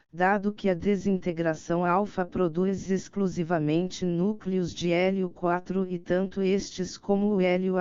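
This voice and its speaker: A woman reading scripted audiobook narration in a measured, formal way. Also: fairly low pitch, a little mellow, smooth, dry recording, highs cut off.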